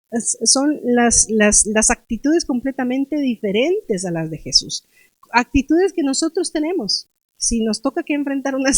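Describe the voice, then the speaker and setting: Woman preaching a lively sermon. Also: a little high, dry recording. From Guatemala. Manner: conversational, asks the congregation questions; dramatic, acts out frightened cries.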